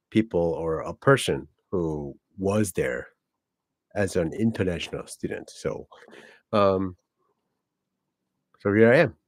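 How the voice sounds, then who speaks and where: A channel host in his forties from South Korea, a native Korean speaker with a Korean accent, talks in a deep voice through a casual personal vlog monologue. He rambles, using many fillers and correcting himself often, and there's no room sound.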